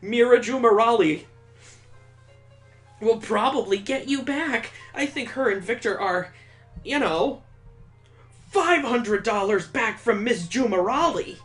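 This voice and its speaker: A man's voice: very high voice, takes it slowly, long pauses, a bit bright. A man giving casual, sarcastic commentary while playing a story game. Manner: sarcastic, joking. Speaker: let's play host. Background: faint music.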